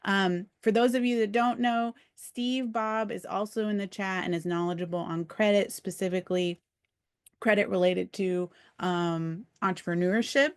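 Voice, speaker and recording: A woman's voice: mid-range voice, steady tone, moderate pace, clean tone. A woman presenting an online webinar over a computer mic, explaining steadily with the odd filler.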